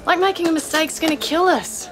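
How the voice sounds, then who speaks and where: An actress with a very high, fairly quick voice, against a noisy background, plays an opinionated young female zombie who has a conscience. In an Australian accent she rambles indignantly and swears freely, as though being interviewed for a mockumentary.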